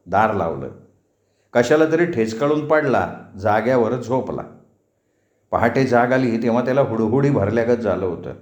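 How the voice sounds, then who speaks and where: A male storyteller reads a village tale aloud in a steady, measured way. His voice sits at a middle pitch. The room around him is echoey. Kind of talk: scripted narration.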